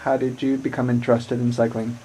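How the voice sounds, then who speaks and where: A man's voice: medium pitch, little pitch movement, a little fast, mellow, breathy edge, rough recording. A man asking plain, straightforward questions as an interviewer.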